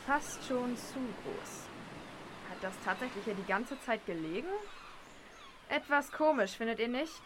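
A woman doing a pushy bossy girl, kinda high voice, noisy background. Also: lively intonation. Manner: pushy, brisk.

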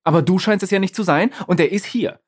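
A man's voice: high-pitched, fast talker, pitched above the performer's own voice. A man voicing a furious, towering female spirit who talks down to the hero with blunt, swearing scorn. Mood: angry scorn.

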